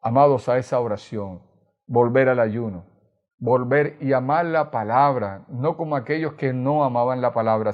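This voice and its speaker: Colombian Caribbean pastor preaching a sermon. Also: male voice, mid-range voice, narrow, tinny audio. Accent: Colombian Caribbean Spanish. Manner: earnest preaching, retelling scripture with tag questions.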